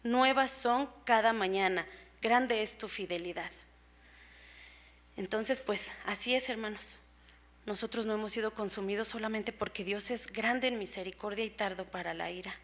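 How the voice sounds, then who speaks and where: A woman's voice: fairly high pitch, a bit bright. Earnest woman preacher giving a sermon. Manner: earnest, explanatory, rhetorical questions, frequent fillers. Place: church.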